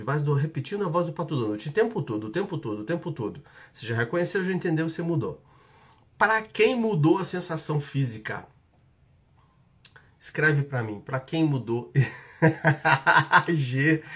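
A man with a Brazilian Portuguese accent who coaches a live audience through an exercise. He repeats his instructions and checks in with short tags. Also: medium pitch. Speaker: coach hosting a live session.

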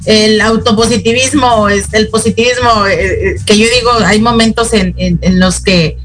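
A woman's voice: mid-range voice, steady tone, normal speed, husky, faint music behind. A woman co-hosting a casual talk, chiming in conversationally with hesitant restarts. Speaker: co-host.

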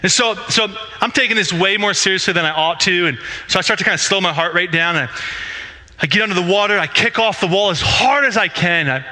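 A man's voice: sits high, brisk, poor audio. A man in his thirties, a pastor preaching a sermon in a church and acting out the dialogue in his stories. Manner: animated storyteller who acts out dialogue. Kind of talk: sermon with storytelling. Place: church sanctuary.

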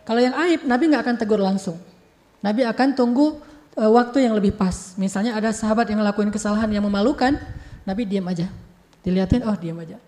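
A woman preacher giving a casual religious talk, telling stories in a chatty, lively way with colloquial asides. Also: mid-range voice, quick pace.

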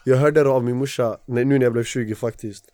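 A man of twenty, a guest in a casual chat, relaxed and slangy. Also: medium pitch, dry recording, studio quality. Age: 20s.

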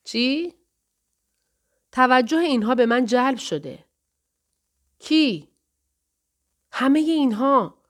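Agitated fugitive man, yelling, pitched up and loud; a woman reading puts him on in an audiobook. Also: expressive, pauses often. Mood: panicked. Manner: agitated, shouting. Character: jumpy paranoid man on the run, hot-tempered.

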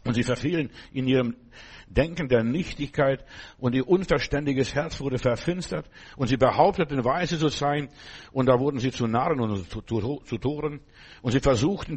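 A male pastor preaching a sermon, animated, swinging between loud bursts and low asides. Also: breathy edge.

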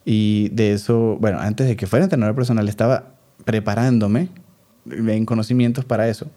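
A man in his thirties with a Venezuelan accent, co-hosting a casual chat and telling stories with lively acted-out quotes. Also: fairly low pitch, a little fast. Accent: Venezuelan Spanish. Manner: animated storytelling, acts out quoted voices. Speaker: podcast co-host.

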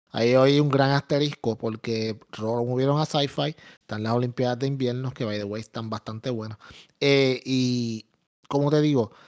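A man's voice: medium pitch, a little mellow. Puerto Rican man, casual slangy podcast talk. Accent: Puerto Rican Spanish. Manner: informal, slangy, peppers Spanish with English. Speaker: podcast co-host. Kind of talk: casual wrestling podcast commentary.

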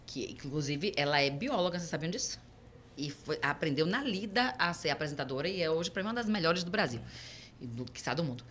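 A middle-aged woman with a Brazilian Portuguese accent, a podcast guest who tells stories in a lively way and acts out the dialogue. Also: sits low, brisk. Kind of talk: conversational storytelling.

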